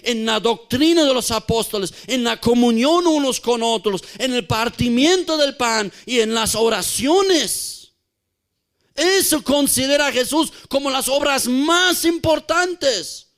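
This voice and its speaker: Casting: male preacher, very high voice, slow sermon delivery with repeated questions. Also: fairly bright tone. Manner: asks the congregation questions, repeats phrases for emphasis. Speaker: pastor. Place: church service.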